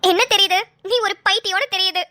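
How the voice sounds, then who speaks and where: A woman voicing a lively young woman who teases her childhood friend in quick banter. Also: very high-pitched, slight background noise. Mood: teasing.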